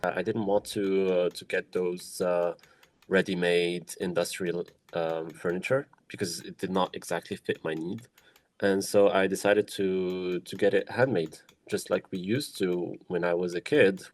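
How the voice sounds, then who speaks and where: A young man from Morocco, a woodworker, speaking thoughtfully in a documentary interview, with many pauses, fillers and restarts. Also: deep voice, steady tone, darkish tone. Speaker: woodworker and small business founder.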